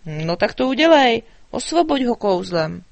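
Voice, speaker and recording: A woman voicing a lazy, good-natured dragon who talks drowsily and unbothered, in a slightly lower voice. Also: sing-song, gravelly, no room sound, dull audio.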